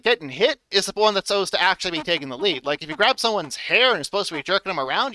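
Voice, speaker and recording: A man streaming casual reaction commentary in an animated, exclamatory and emphatic way. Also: high-pitched, no echo.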